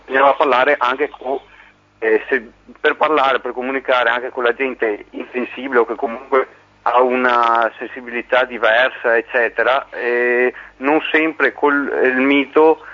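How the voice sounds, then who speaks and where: A man speaks to a radio host over the phone, his voice sitting at an ordinary middle pitch. He talks casually but haltingly, pausing often and filling gaps with small hesitations. The phone line makes his voice sound dull and muffled. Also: steady tone, pushed and bright. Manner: hesitant, many pauses and fillers. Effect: heard over a phone line. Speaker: radio caller.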